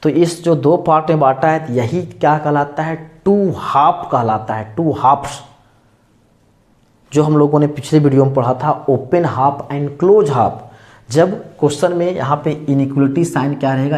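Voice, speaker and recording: Mellow-voiced male maths teacher. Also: fairly high pitch. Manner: explains step by step, asks and answers his own questions. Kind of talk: classroom lecture.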